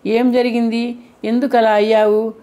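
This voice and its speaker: A woman's voice: a little high, level tone, normal speed, mellow, close to an everyday voice. A woman voicing a proud, blunt male god of speech in an audiobook, talking in a curt, impatient way.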